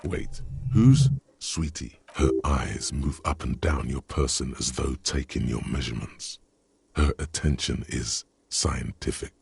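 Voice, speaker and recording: A very deep, gravelly game narrator. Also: male voice, unhurried, darkish tone, exaggerated voice. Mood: wry. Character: gravelly, wry, deep-voiced male narrator inner voice. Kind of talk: scripted narration.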